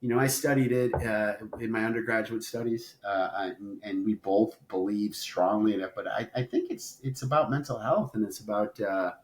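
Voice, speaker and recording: A man's voice: lowish voice, steady tone, moderate pace, few pauses, slight background noise. A man co-hosting a podcast in a casual chat, rambling and playfully dramatic, with lots of filler words. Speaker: podcast co-host. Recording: roomy echo.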